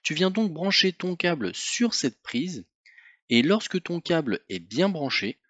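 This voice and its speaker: A man narrating a step-by-step car tutorial, calm and methodical, speaking informally to the viewer. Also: a little high, unhurried, no echo, muffled recording. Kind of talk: step-by-step instructional voice-over.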